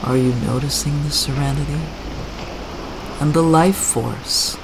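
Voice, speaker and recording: A calm meditation guide talks at a very unhurried pace, stretching out each phrase and leaving long pauses between lines. The voice sits at an ordinary middle pitch. A steady wash of ambient sound is clearly heard behind it. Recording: clear ambient background noise.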